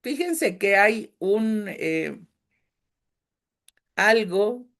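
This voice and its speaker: A middle-aged woman with a Mexican accent leading a faith-based grief workshop, speaking gently and emotionally and often checking in with her listeners. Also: medium pitch, expressive, very slow. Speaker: grief support group leader.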